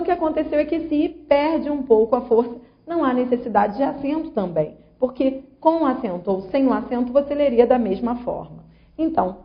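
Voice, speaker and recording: A woman grammar teacher, explaining rules patiently and sounding out syllables one by one. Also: fairly high pitch. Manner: patient, syllable-by-syllable explaining, asks viewer along. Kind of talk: online grammar lesson. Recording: slightly dull lo-fi audio.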